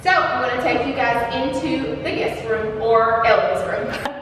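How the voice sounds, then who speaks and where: A woman's voice: a little high, unhurried, a bit bright, far from the mic, a little hiss or hum. A woman hosting a casual tour of an empty apartment, chatty and upbeat with many fillers, her voice echoing around the bare rooms. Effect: big hall echo of an empty room. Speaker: vlog host. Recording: echoey empty room, voice from off-mic.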